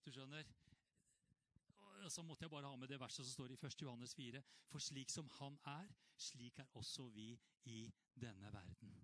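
A man preaching a sermon in a conversational way, now and then rising into animated outbursts. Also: medium pitch, no room sound.

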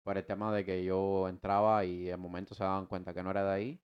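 A man in his twenties from the United States speaks in a low, quick, clear voice with a resonant tone, captured on a lo-fi recording. With a Cuban Spanish accent, he casually tells his life story as a podcast co-host, rambling with many restarts and slangy asides in a relaxed way.

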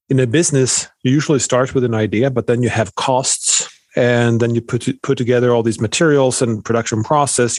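A middle-aged Swedish economics professor, appearing as a guest, answers interview questions thoughtfully, with lots of fillers and restarts. His mid-range voice is a little mellow, with no echo.

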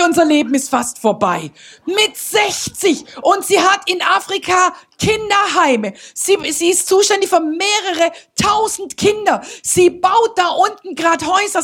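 A woman preaching a sermon to her church, passionate and building up to loud exhortation. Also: very high voice. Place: church service.

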